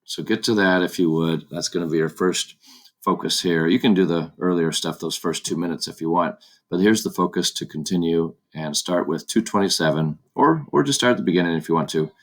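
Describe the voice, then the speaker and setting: A man's voice: low voice, a little fast. A man teaching a Spanish lesson over a screen recording, patiently explaining each step and repeating points as he goes. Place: at a desk with a laptop. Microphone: computer mic on a laptop.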